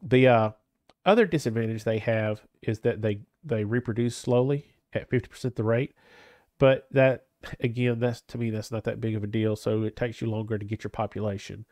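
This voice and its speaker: Congested from a cold, this let's-play host meanders through a strategy game, stumbling over words and restarting again and again. His voice sits on the low side, dark and mellow, with fairly even intonation and normal speed, captured close and dry with no room around it.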